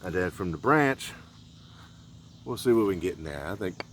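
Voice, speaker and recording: A man demonstrating survival skills outdoors in a relaxed, rambling, folksy way. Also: low-pitched, normal speed, slight background noise. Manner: laid-back, rambling, folksy. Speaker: survival vlogger. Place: outdoors in a rural area.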